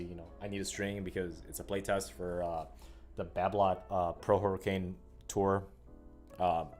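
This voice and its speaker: A man in his thirties from the US Midwest, rambling casually on a livestream with frequent fillers and laughs. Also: deep voice. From Illinois, US Midwest. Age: 30s. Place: home room while stringing rackets. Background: faint music.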